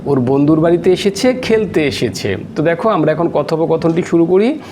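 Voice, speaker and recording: A man's voice: fairly high pitch, expressive, moderate pace, background noise. A man teaching an English lesson to children, asking and answering his own questions as he translates phrase by phrase.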